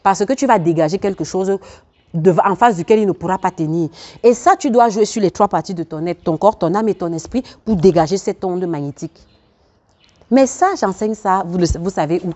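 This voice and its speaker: A woman's voice: fairly low pitch, a little fast, warm tone, lo-fi sound. A woman coaching viewers in a self-help video, talking earnestly and preacher-like, speaking straight to the listener and repeating phrases for emphasis. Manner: laughs between points, repeats phrases for emphasis. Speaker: life coach.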